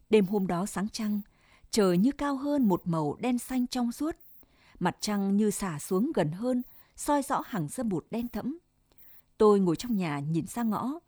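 A woman narrating a first-person story in a measured, reflective way. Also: mid-range voice, mellow, no echo, clean studio sound.

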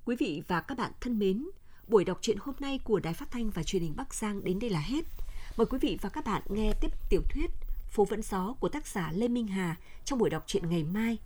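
Calm woman reading a radio story. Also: mid-range voice. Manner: measured, even storytelling. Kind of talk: scripted narration of a novel.

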